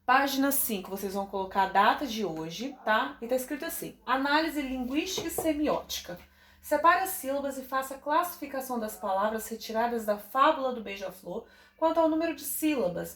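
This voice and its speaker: A woman teacher with a Brazilian Portuguese accent, giving a recorded class to young children and drawing out words slowly to sound out their syllables. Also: high-pitched, animated, a bit bright. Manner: drawn-out, stretching words to sound them out for children. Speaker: primary school teacher.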